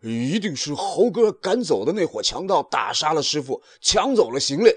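A man doing Zhu Bajie, a panicky shouting pig-monk. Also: a little high, very animated, normal speed, breathy edge, no echo, pitched above the performer's own voice. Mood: panicked. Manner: panicky and loud.

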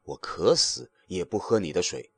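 A stern old monk master, voiced by a man telling a storybook tale, speaking low and a little hushed. He sounds scolding and unbending. The sound is close and dry. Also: animated, moderate pace, creaky, breathy edge, no echo, heavily acted. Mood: stubborn.

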